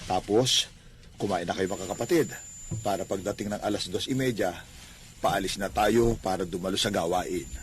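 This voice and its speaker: In a Tagalog radio drama, an actor with a deep voice plays a devout, kindly Filipino father who runs a small store, sounding earnest and fatherly. He speaks at a normal speed with light acting, and the clip is a noisy playback of a radio broadcast.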